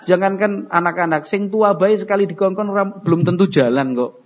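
A man's voice: high voice, brisk. A man preaching a sermon in a folksy way, acting out everyday dialogues. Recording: dull recording in a reverberant hall.

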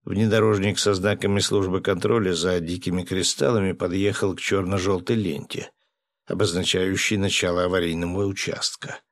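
Low-voiced man reading an audiobook. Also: level tone, moderate pace, dry recording. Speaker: audiobook narrator. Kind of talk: scripted narration.

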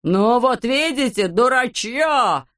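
A woman's voice: fairly low pitch, smooth. Woman voicing a screeching bald tyrant. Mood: furious. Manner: screeching, drawn-out yelling, name-calling. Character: bald bossy greedy male landowner, hot-tempered. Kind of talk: audiobook character voice.

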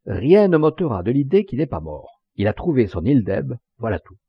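Man reading as an eager gentleman orator, declamatory, lively pitch, husky voice, dull dry recording. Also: fairly quick, exaggerated voice. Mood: declaiming.

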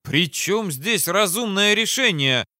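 A man's voice: sits high, animated, slow pace, dry recording, studio quality, pitched above the performer's own voice, full character voice. A man reading an audiobook, voicing a hot-headed male commander who angrily insists the enemy must be stopped at any cost. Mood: furious. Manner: agitated, forceful outbursts.

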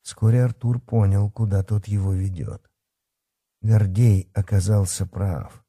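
A man reading a dark fantasy story aloud with expressive, dramatic narration. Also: on the low side, unhurried, husky, no room sound, studio quality. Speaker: audiobook narrator.

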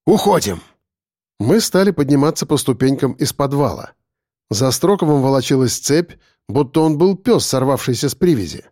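A man narrating a first-person story as an audiobook, in an expressive, dramatic reading. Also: mid-range voice, normal speed, dry recording, clean studio sound.

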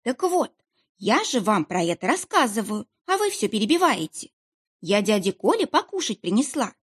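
A young woman playing the fool in a high, whiny, trembling voice, as a woman reader puts her on. She rambles in a pitiful, childlike chatter, her pitch swooping up and down. The tone stays a little husky and breathy throughout this storybook reading. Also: big pitch swings, normal speed.

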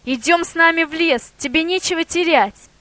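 A woman voicing a sly, bold male boar who talks in a lively, persuasive, theatrical way. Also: very high-pitched, moderate pace, no echo, voice pushed up. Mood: urgent.

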